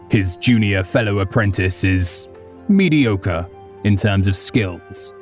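Casting: a man voicing a slow, blunt old swordsman with a low voice, audiobook over music. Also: a little mellow. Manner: laughing, blunt, calls others boy. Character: old male swordsman, gruff and easygoing. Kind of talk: audiobook character voice.

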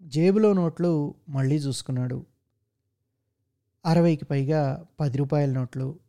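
A man reading a story aloud as narrator, in a measured, steady way. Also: on the high side.

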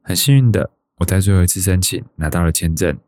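He talks fast in a low, darkish tone, lightly acted, recorded clean in a studio with no room sound. The Taiwanese Mandarin-accented actor voices a despondent, timid bank employee in his thirties, introspective, wistful and resigned as he narrates his life for radio drama.

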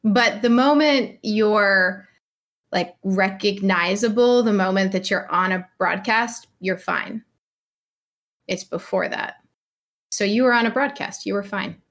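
A woman speaking in a measured, thoughtful way in a candid conversation, often trailing off softly. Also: mid-range voice.

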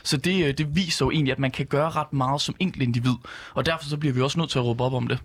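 A man with a slightly hoarse voice, speaking earnestly in a political panel debate with many fillers. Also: mid-range voice. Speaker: youth politician.

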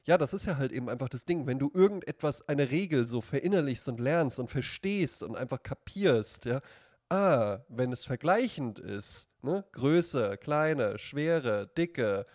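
A man from central Hesse co-hosting a casual podcast chat, chatty and quick to laugh, explaining grammar rules at length. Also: medium pitch, animated, darkish tone, dry recording, clean studio sound. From central Hesse, Germany. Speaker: podcast co-host.

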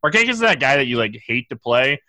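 A man co-hosting a casual sports podcast, talking in a halting way with many fillers and restarts. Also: mid-range voice, big pitch swings, pushed and bright, no room sound. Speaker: co-host.

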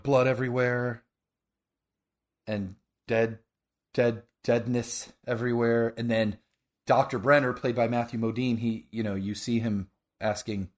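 A man hosting a casual podcast, talking about a show in a halting, enthusiastic way. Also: mid-range voice. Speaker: podcast host.

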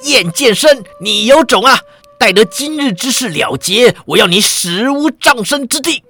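A man voicing a brash villain who yells threats. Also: very high voice, animated, moderate pace, gravelly, faint music behind, voice pushed up, exaggerated voice. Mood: threatening. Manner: shouting, bullying.

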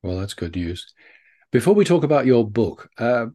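A man hosting an interview, asking relaxed, conversational questions. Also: medium pitch, moderate pace. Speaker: interview host.

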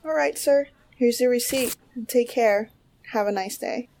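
A man's voice: extremely high pitch, unhurried, creaky, darkish tone, voice pushed up, heavily acted, low-quality recording. A man voicing a polite store cashier in a service-counter tone.

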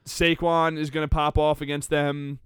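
A man's voice: a little high, flat delivery, moderate pace, smooth, dry recording, studio quality. A man co-hosting a casual sports podcast, stating firm opinions and often restarting his sentences. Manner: opinionated, repeats himself, restarts. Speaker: podcast co-host.

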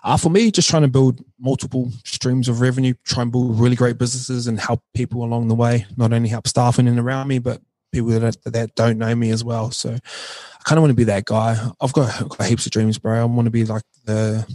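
Speaking brisk and level, a man with a warm, mid-range voice and a broad Kiwi accent chats as a podcast guest. He's from New Zealand, and his casual interview talk is slangy and informal, peppered with "bro" and "man." There's no room sound.

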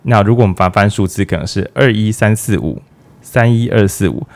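A man talks through ideas as a podcast host, his voice sitting a little low. He keeps it casual and playful, tossing in jokes and quick acted-out asides. His pitch lifts sharply whenever he poses a question. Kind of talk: casual explanatory podcast talk.

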